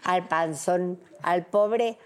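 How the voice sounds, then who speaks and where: A woman's voice: lowish voice, very slow, a crowd in the background. A middle-aged woman with a Mexican accent, a brash panel guest who tells stories and acts out the dialogue. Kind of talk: casual panel chat, storytelling.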